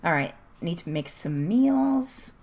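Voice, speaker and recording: Her voice is on the low side with a darkish tone and a sing-song lilt, and she takes things slowly. She's streaming a game and chatting bluntly and casually, laughing frequently as her voice begins to fail.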